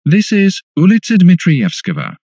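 Slow, swooping male subway announcer. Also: high voice, huge pitch swings, mellow, husky, no echo. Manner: formal, deliberate station announcing. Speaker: English-language metro announcer.

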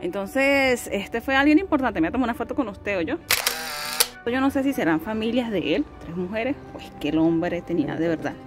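A woman's voice: fairly high pitch, lively intonation, normal speed, over music. Chatty woman touring outdoors. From Venezuela. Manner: chatty, exclamatory, wondering aloud. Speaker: travel vlogger. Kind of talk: casual tour commentary. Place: outdoor cemetery.

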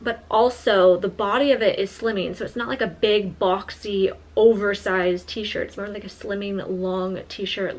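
A chatty young woman talks straight to her viewers at a middle pitch, leaning on "like" fillers as she tries on clothes. Her voice is caught by a nearby camera in a small indoor apartment. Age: young adult. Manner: chatty, frequent "like" fillers, friendly address to viewers. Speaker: lifestyle vlogger. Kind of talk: casual try-on haul chat.

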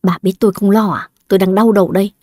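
A woman's voice: mid-range voice, fairly even intonation, fast, dark tone, no room sound, clean studio sound, lightly acted. A woman voicing a troubled middle-aged man, head of a clan, who speaks curtly and wearily. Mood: weary.

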